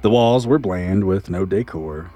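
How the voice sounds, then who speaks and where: A man with a very deep voice narrates a scripted horror story. His delivery is measured and ominous. Faint music plays underneath. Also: mellow.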